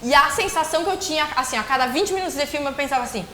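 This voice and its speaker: A woman with a bright, high voice sits in as guest critic on a casual panel. She talks things through with plenty of fillers. The room is echoey, with a faint hum underneath. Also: lively intonation, rapid-fire. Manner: chatty, thinks aloud with fillers.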